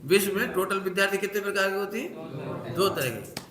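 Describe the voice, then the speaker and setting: Male preacher, slightly high voice, teaching a congregation with playful acted examples, echoey hall. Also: lively intonation, fairly quick, a bit bright. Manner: playful teacher, acts out examples, sings short lines. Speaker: Jain preacher.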